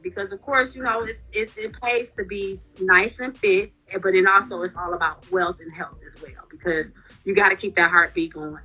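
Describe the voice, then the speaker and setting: A woman's voice: fairly low pitch, bright, forceful tone, low-quality recording. A woman guest in a casual interview, talking candidly with lots of fillers while wearing retainers that affect her speech. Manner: chatty and candid, lots of "you know" fillers. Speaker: guest, reality TV cast member.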